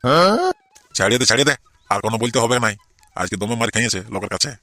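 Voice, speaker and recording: A man's voice: mid-range voice, very animated, rapid-fire, sharp tone, no echo, soft background music. A man voicing a protective village father with a Purulia Bengali accent who explains earnestly.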